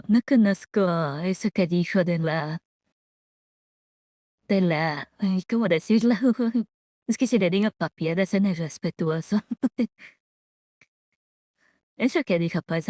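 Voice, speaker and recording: A woman's voice: fairly low pitch, takes it slowly, long pauses, dark tone, dry recording, studio quality. A woman with a Latin American Spanish accent chatting casually with viewers on a live stream in a giggly, slangy, informal way. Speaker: VTuber streamer reacting to a video.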